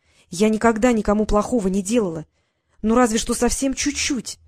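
A woman's voice: a little high, brisk, a little mellow, no echo, studio quality, close to an everyday voice. A woman reading the part of a stubborn, curious girl who keeps challenging with questions. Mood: defiant.

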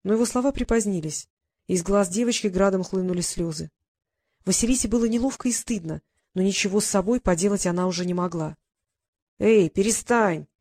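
A woman narrating an audiobook in a steady, even storytelling manner. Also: mid-range voice, fast.

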